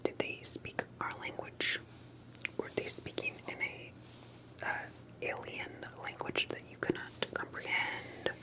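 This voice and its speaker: The audio is poor as a woman whispers from start to finish, her tone soft, breathy and unvoiced. In her ASMR roleplay role as an interviewer, she puts her questions forward carefully and deliberately.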